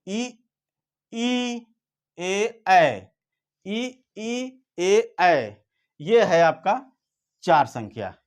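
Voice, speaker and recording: A man teaching an exam-prep lesson, explaining slowly and repeating points, drawing out vowel sounds to demonstrate them. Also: sits high. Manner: slow, repetitive explaining, drawn-out vowel demonstrations.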